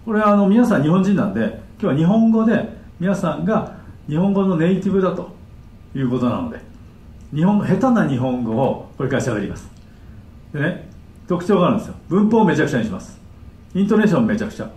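Animated, quick-talking male lecturer. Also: fairly high pitch. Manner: animated, demonstrative, chatty with the audience. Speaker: psychological counselor giving a seminar. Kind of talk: live seminar lecture. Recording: echoey hall, distant mic.

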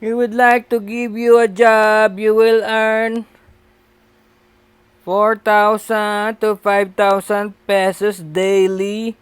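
Syrupy female scam caller, slow and overly polite, as a man mimics her, high and smooth. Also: monotone, no room sound. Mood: sweet-talking.

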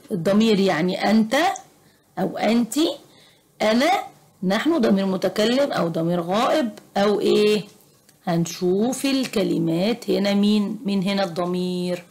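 A woman with an Egyptian Arabic accent tutoring young children in Arabic grammar, slow, patient and encouraging. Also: mid-range voice, darkish tone. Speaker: private tutor. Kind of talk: teaching a children's Arabic lesson.

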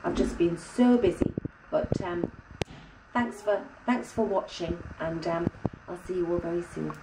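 A woman's voice: fairly low pitch, unhurried, roomy sound, distant mic, very noisy. A woman with an English accent giving a breezy, chatty catch-up to camera, full of ums. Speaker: vlogger giving a personal catch-up. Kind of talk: casual chat to camera.

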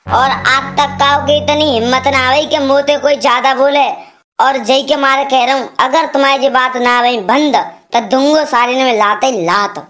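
A performer doing a high-voiced pleading village man. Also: fairly even intonation, normal speed, a bit bright, faint music behind. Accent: Braj rural Hindi. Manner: pleading, insistent. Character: eager village man showing off his dialogues. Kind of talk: comic cartoon dialogue.

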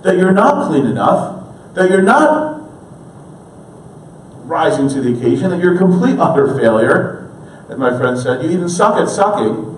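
A man in his thirties preaching a sermon in an earnest way, moving between hushed, slow lines and emphatic ones. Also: a little high, big pitch swings, a little hiss or hum. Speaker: pastor. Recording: roomy, distant church recording.

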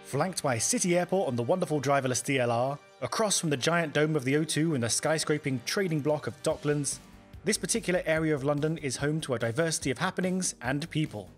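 A man's voice: a little high, fairly quick, faint music behind. Man narrating a wry documentary voice-over.

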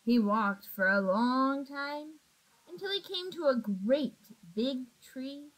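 Reading a children's picture book aloud, a woman in her thirties speaks in a high, expressive, deliberate voice and asks her young listeners questions. The audio is poor, captured by a webcam or laptop mic at arm's length in a small indoor room with block walls.

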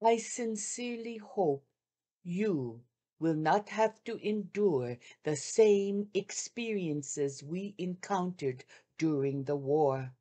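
Older woman reading slowly with feeling. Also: lowish voice, warm tone. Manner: measured, heartfelt reading with drawn-out pauses. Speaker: reader of wartime memoirs. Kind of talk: reading a first-person memoir aloud. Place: home room with shoji screens. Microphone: video call webcam.

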